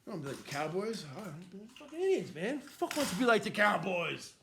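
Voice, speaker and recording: Loud, swearing man in an echoey room. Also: high-pitched, fast talker, vocal fry. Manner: profane, animated, swings from mumbling to shouting. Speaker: vlogger. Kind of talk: rambling monologue to camera. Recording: roomy echo with faint noise.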